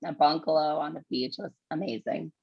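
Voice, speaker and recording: A woman guest in a casual podcast chat, chatty, filling with "like" and quick to laugh. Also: sits low, gravelly, slightly rough, dry recording, highs cut off. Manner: chatty, lots of fillers, laughs easily. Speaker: guest, dance studio owner.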